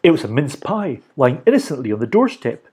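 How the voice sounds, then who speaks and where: A man reading a children's storybook aloud for a library, animated and expressive. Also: medium pitch, fairly quick, slightly rough. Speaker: library reader.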